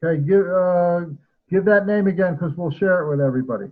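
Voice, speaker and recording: A man's voice: high-pitched, fairly quick. Chatty man teaching over a tinny call. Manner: relaxed, chatty, laughs often. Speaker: instructor. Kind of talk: online class session. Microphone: video call.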